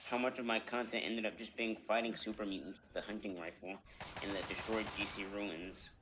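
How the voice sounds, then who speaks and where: A man with a fairly low voice chats about games, countering his friend's points calmly and in complete sentences. His voice comes through with steady noise and some clicking behind it. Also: fairly quick. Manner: calm, argues back in full sentences. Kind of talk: casual gaming chat. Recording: noisy line with clicks.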